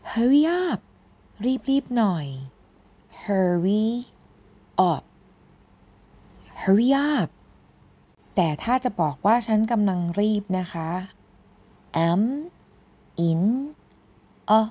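Slow-drilling Thai woman teaching English. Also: mid-range voice, lively intonation, dark tone. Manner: drills each word slowly, then repeats the full phrase. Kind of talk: slow English phrase lesson.

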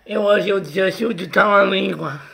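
A young man with a Brazilian Portuguese accent, speaking haltingly in a casual homemade challenge video, repeating phrases as he goes. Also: high voice, creaky, pushed and bright, breathy edge. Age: young adult. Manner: halting, slow and broken delivery with repeated phrases. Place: small bedroom, indoors. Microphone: webcam or computer mic at close range.

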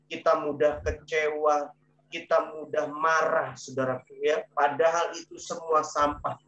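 A man's voice: on the high side, fairly bright tone, roomy sound, dull audio. A male pastor from Indonesia preaching a sermon, repeating key phrases and calling for responses from the congregation. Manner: acts out quoted voices of wife and husband.

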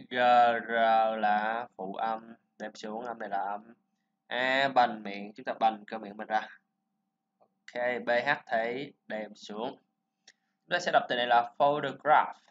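A man's voice: medium pitch, fairly bright tone. Man drilling pronunciation, dull recording. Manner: repeats sounds slowly and drills words. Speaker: English pronunciation teacher. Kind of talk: classroom-style pronunciation lesson.

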